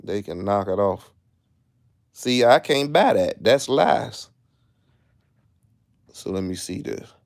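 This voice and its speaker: A man's voice: lowish voice, animated, slow pace, gravelly, pauses often, a little mellow. Ranting Chicago man on a livestream. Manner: boastful, profane, streetwise ranting. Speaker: livestream host. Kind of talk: casual live commentary.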